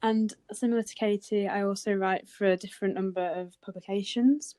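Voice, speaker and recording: A woman's voice: mid-range voice, steady tone, a little fast, warm tone, dry recording. Woman from Cheshire, 20s, podcast co-host; earnest, modest, recorded dry and close. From Cheshire, England. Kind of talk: casual chat.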